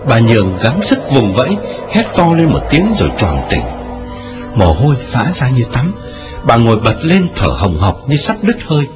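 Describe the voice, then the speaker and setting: A man's voice: wildly swooping pitch, normal speed. Dramatic male ghost-story narrator. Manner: dramatic storytelling with wide swings in pitch. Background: music.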